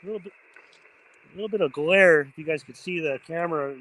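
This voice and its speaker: A man's voice: on the high side, fast talker, a bit bright, slight background noise, poor audio. A man hosting an informal amateur radio vlog, mixing chatty remarks with phonetic callsign calls. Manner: informal, chatty, addresses viewers as guys. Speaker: amateur radio operator, host.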